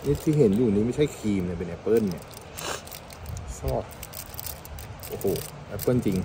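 Low-voiced man vlogging outdoors, loud noise. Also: normal speed. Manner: chatty, relaxed, thinks aloud while tasting food. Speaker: travel vlogger. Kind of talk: casual walking travel commentary. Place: outdoors in a mountain national park by a river.

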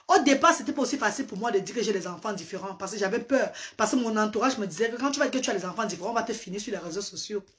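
Seated on a sofa in a small indoor room, a woman who speaks Medumba gives a fiery live-stream talk on social media, preaching with heavy, emphatic repetition as a host and advocate for parents. Her medium-pitched, fairly bright voice is expressive and very fast, with few pauses. A phone camera captures her up close.

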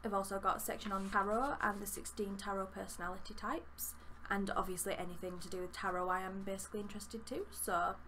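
In a small indoor room with bookshelves, a young woman from Yorkshire reviews a book at her desk for a casual vlog, chatting eagerly with plenty of fillers. Her medium-pitched voice is level and sharp, and she speaks fast with few pauses. The audio is poor, with slight background noise.

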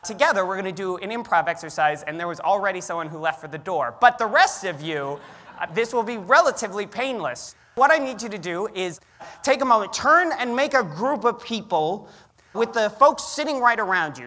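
A young man giving an energetic, conversational keynote talk on stage. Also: high voice. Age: young adult. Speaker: keynote speaker. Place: large auditorium stage. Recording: reverberant hall.

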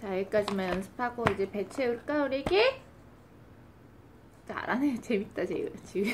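A woman's voice: mid-range voice, normal speed. A young mother at home coaxing her baby to eat with playful sing-song baby talk. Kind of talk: casual home video. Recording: noisy home recording.

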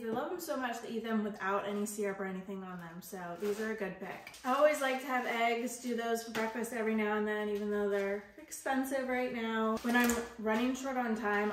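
A woman's voice: fairly high pitch, fairly even intonation, a little fast, hardly any pauses. A woman in her thirties chatting casually in a grocery haul vlog from her home kitchen, upbeat and full of filler words. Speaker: mom vlogger. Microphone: camera on counter, mid framing. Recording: echoey kitchen with faint noise.

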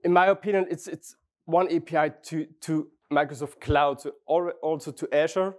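A man's voice: a little high, steady tone, moderate pace. Austrian man giving a conference tech talk. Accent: Austrian German. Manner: friendly, chatty, restarts phrases, asks audience questions. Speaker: conference speaker. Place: large conference hall.

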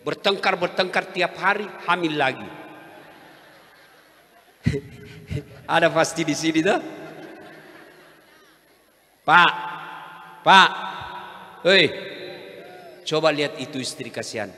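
A man's voice: a little high, pushed and bright. A man preaching a humorous sermon and bantering directly with the crowd. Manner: bantering, addresses the audience directly. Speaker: Islamic preacher. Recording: reverberant hall.

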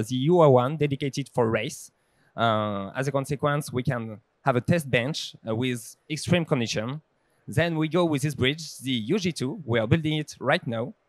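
Man, 30s; upbeat promotional stage pitch into a handheld mic, mid pitch, dry sound. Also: no room sound. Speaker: startup founder pitching. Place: exhibition stage in a large hall.

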